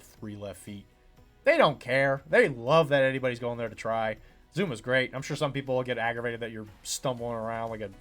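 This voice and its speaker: A man's voice: mid-range voice, a bit bright. A man, a chiropractor hosting his own podcast, talking in a casual rambling monologue full of fillers and acted-out patient quotes.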